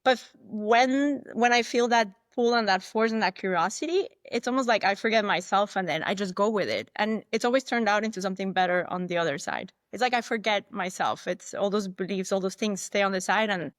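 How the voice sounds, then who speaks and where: Brisk and barely pausing, this woman speaks at a medium pitch on a dry, clean studio recording. English is not her first language, and as a guest she reflects on her story in a frank, considered way, often starting over and repeating her own words.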